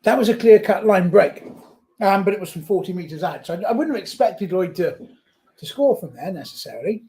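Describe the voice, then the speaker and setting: A man commentating live on a rugby match who gets excited and breaks into shouts at big plays. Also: high-pitched, fairly quick.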